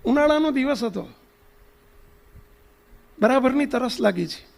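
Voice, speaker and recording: A man's voice: very high-pitched, expressive, unhurried, creaky. A man preaching to an assembly, telling a story and putting questions straight to his listeners. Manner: questions the audience directly.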